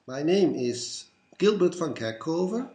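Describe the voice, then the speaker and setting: A man in his sixties with a Belgian accent, introducing himself to fellow club members in a measured way, listing things one by one with frequent filler sounds. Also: a little high, big pitch swings, mellow. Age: 60s.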